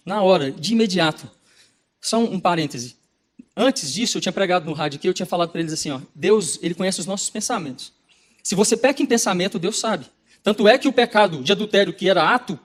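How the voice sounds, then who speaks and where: A man with a Brazilian Portuguese accent preaching a sermon, telling a personal story in an animated way and acting out the dialogue. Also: high-pitched. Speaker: pastor.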